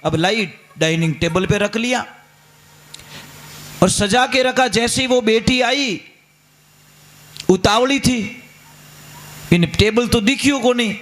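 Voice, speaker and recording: A man's voice: extremely high pitch, slow, long pauses, a bit bright. A man with a Rajasthani accent giving a sermon, telling family stories and acting out the dialogue in his own voice. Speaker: preacher.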